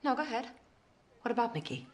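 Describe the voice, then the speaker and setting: A woman's voice: fairly high pitch, very animated, fast talker. A tired jealous lady with a headache, stammers, voice jumps all over in a film scene. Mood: weary. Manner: nervous stammering, swings from hushed to agitated. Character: weary jealous woman, headachy and bitter. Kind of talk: naturalistic film acting.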